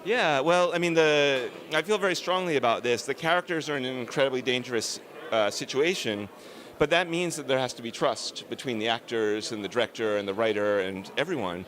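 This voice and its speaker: A man's voice: mid-range voice, brisk, a bit bright. A man, a film director, answering interview questions on a red carpet in an earnest, emphatic, discursive way.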